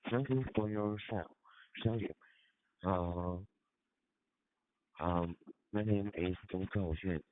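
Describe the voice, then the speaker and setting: A man from China, an amateur radio operator, talking haltingly with many hesitations through an overloaded, clipping mic over a radio link. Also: low voice, steady tone. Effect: clipping, distorted overloaded mic. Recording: tinny radio transmission with faint static.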